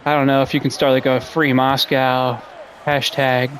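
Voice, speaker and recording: A man's voice: medium pitch, flat delivery, moderate pace, a faint crowd, slight background noise. Rambling, swearing young man podcaster. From Russia. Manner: rambling, profane, self-deprecating, lots of fillers. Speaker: podcast host. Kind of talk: casual rambling podcast monologue.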